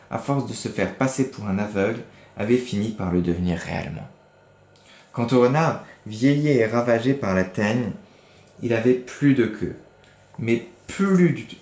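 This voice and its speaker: A man's voice: medium pitch, a little mellow. A man reading a children's book aloud, stopping to explain words and to correct his slips. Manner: stops to correct his misreadings. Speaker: reader. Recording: echoey room.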